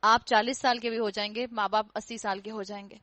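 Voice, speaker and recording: A woman's voice: medium pitch, flat delivery, bright, forceful tone, no room sound. A woman giving an earnest religious lecture to girls in Pakistani Urdu, admonishing and acting out children's retorts. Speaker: Quran teacher.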